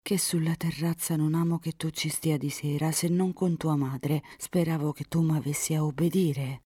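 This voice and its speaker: A stern mother of a grown daughter, severe and measured, voiced by a woman storyteller. Her voice is low and mellow. The read sounds dry and close. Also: fairly even intonation, slightly rough, dry recording. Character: stern older mother, scolding.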